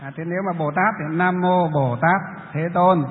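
A Buddhist monk teaches a large hall in a high, talkative voice, explaining patiently and tossing questions to his listeners. His words ring out with a long echo through the room, over a faint background hiss, and the whole recording sounds narrow like a phone line. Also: steady tone, moderate pace. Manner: explanatory, chatty, quizzes the audience. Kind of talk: dharma talk to a hall audience.

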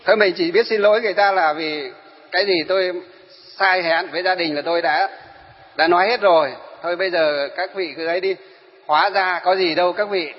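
High-voiced monk telling a story. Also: male voice, a little fast. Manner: animated, addresses listeners directly. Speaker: Buddhist monk. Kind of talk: storytelling sermon. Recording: dull sound with long hall reverb.

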